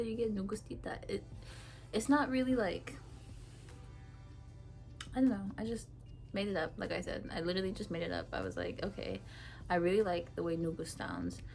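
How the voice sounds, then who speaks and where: A woman's voice: on the low side, gravelly. A woman from Ethiopia giving a casual tarot reading to camera, talking frankly in a chatty way with many fillers. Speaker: tarot reader.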